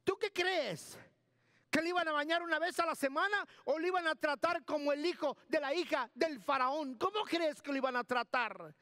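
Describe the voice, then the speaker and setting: A man's voice: very high voice, moderate pace, sharp tone, dry recording, clean studio sound. A man pastor delivering an emphatic sermon in church, repeating key words and giving instructions to the sound booth.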